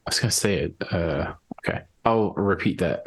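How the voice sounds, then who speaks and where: A man's voice: sits low, normal speed, breathy edge. A man playing a tabletop game, chatting informally and hesitantly as he thinks aloud. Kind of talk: casual in-game chat.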